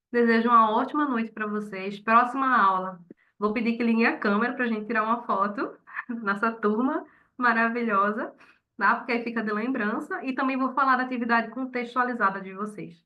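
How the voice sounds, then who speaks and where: A woman teacher closing an online class, speaking softly and in a friendly way because she has a cold. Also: fairly high pitch, lo-fi sound.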